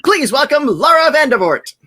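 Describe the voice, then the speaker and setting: A woman's voice: high voice, very animated, normal speed, fairly bright tone. A woman hosting a virtual convention panel over a video call, reading upbeat introductions and laughing often. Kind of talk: upbeat scripted introductions and moderating.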